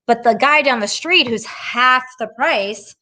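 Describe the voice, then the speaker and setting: A woman's voice: on the high side, measured pace, bright, forceful tone. A middle-aged woman who trains dogs, giving direct, chatty advice in a casual talk and telling stories along the way. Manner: chatty, direct, anecdotal, emphatic. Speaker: dog trainer hosting a Q&A.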